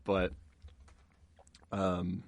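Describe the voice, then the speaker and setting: A man's voice: low-pitched, monotone, drawn-out words. A young man hosting a podcast, chatting in a laid-back, rambling way with lots of fillers. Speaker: podcast host. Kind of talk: casual chat.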